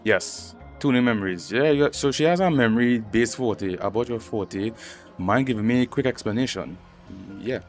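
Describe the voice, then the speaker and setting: A man casually comments on a game's story during a playthrough, musing aloud and repeating himself as he reacts. His voice is mid-range at normal speed, with game music underneath.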